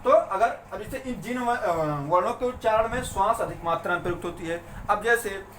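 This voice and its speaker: A man teaching a grammar lesson for an exam, asking questions and answering them himself, and saying consonants slowly one at a time. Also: sits high, fairly bright tone. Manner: asks and answers his own questions. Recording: roomy, mic a bit far off, faint room noise.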